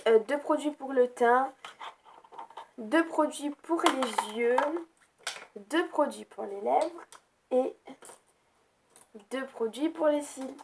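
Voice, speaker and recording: A woman giving a casual makeup product review as a beauty vlogger, hesitant, with many fillers and jokey asides. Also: on the high side.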